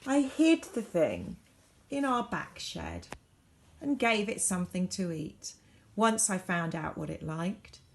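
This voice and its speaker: Reading a children's story like a teacher at storytime, a woman speaks with a very lively, swooping pitch and a creaky edge. She leans hard into key words and pauses deliberately for dramatic, varied effect.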